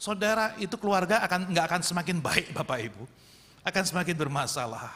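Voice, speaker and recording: A pastor preaches a high, bright, ringing voice that carries through a reverberant sanctuary. He swings from loud to hushed, acting out quoted lines and turning to his congregation again and again. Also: brisk. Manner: animated, acts out quoted voices, addresses congregation often. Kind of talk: sermon. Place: church sanctuary. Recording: echoey church hall.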